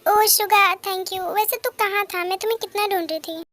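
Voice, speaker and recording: A woman's voice: very high voice, steady tone, normal speed, a bit bright. A woman plays a stubborn, touchy teenage girl who speaks huffily. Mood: huffy. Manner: huffy.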